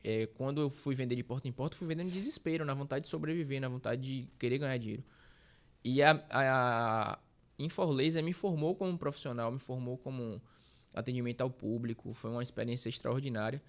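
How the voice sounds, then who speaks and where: With a mid-range voice and a slightly fast pace, a Bahian man in his thirties shares his life story as the guest of a casual interview. This street reporter rambles, corrects himself, and fills gaps with slang.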